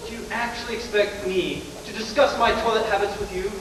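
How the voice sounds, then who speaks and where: Brief: teen boy as a huffy, disbelieving gentleman on a school stage, far off and hissy. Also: sits high, steady tone, brisk, lightly acted. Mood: exasperated. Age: teens. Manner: incredulous, exasperated retorts. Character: indignant male gentleman passerby, exasperated. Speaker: student actor. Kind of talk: 1980s high school stage play. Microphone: distant camcorder mic. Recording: echoey auditorium, far from camera, audible hiss.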